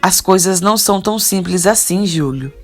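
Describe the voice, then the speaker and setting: A woman's voice: on the low side, brisk, soft background music. Guarded young policewoman, read by a woman.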